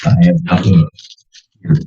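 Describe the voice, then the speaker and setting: A man speaking as a judge in court, measured and procedural, pausing with fillers, heard on a courtroom recording. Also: low-pitched, big pitch swings, vocal fry, mellow. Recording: roomy, dull courtroom recording with faint hiss.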